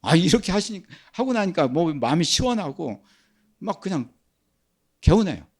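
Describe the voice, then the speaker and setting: A man's voice: sits high, very animated, moderate pace. An older man preaching a sermon as pastor, asking and answering his own questions.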